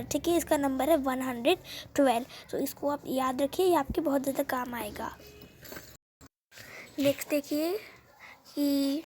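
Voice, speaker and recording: A woman's voice: sits high, a little hiss or hum. A young woman teaching a school worksheet, reading story dialogue aloud and explaining answers step by step. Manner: reads story dialogue aloud with light voicing.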